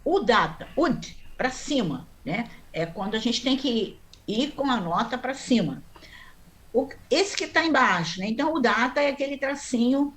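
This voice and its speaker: An online Sanskrit teacher, a woman with a slightly high, expressive, somewhat bright voice, explains things step by step and often checks in with her students. She chants mantra syllables slowly, and there's slight background noise.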